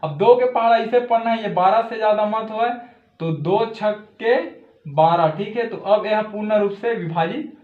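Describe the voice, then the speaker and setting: A man with a Chhattisgarhi accent, fairly high in pitch, walks through a school math problem step by step and keeps checking in with his listeners. The sound is dull and lo-fi, with an echoey room around him. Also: normal speed. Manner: patient, repeats "theek hai" often. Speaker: math teacher. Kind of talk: blackboard math lesson.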